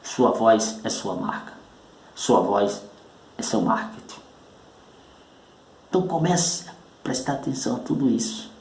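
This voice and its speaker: A man teaching a public speaking lesson, speaking slowly and emphatically and leaning hard on stressed syllables. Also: medium pitch, animated, a little mellow, roomy sound, low-quality recording. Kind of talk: recorded oratory lesson.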